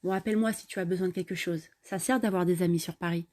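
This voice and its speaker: A woman doing a pushy young dude hitting on someone, casual, mellow low-key voice. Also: steady tone, fast, natural voice. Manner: casual, persistent. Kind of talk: storytelling voice acting.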